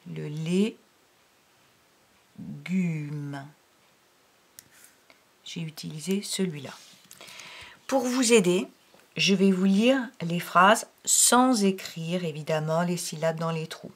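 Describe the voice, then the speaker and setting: Slow, patient woman teaching young children. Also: fairly low pitch, expressive. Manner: patient, explaining step by step; slow, careful enunciation of syllables. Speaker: primary school teacher. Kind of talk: recorded reading lesson for young pupils.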